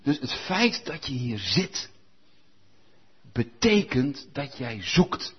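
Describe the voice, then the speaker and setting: Lively, husky-voiced man preaching. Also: medium pitch, slow pace, muffled recording. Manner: lively, conversational, coaxing. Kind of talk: sermon.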